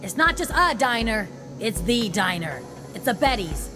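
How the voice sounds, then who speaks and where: An excitable young pop-culture fan in a story game, high and swooping, drawing her words out slowly. Clear music plays under her lines. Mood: excited. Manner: gushing, enthusiastic.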